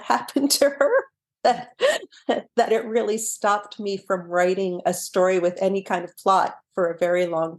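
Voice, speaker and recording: A woman's voice: mid-range voice, a little mellow. A middle-aged woman author talking thoughtfully in a podcast interview, laughing often and restarting her phrases. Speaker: author guest.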